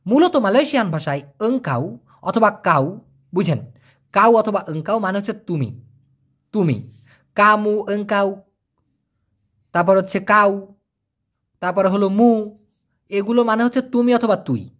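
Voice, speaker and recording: A man teaching Malay in a casual lesson, repeating each phrase slowly and translating it. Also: high-pitched, a bit bright. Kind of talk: casual explanatory language lesson.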